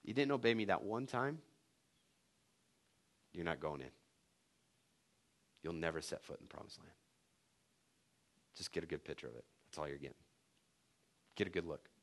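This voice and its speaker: A man voicing God as a stern, solemn figure who speaks low and quiet during a sermon. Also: fairly quick, pauses often, lightly acted.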